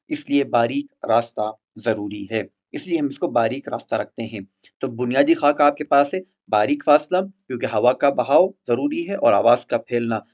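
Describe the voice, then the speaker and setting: A man teaching the articulation of letters for Quran recitation, patient and methodical, repeating example words slowly. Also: mid-range voice, a little mellow, dull audio. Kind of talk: explaining letter articulation in a recorded lesson.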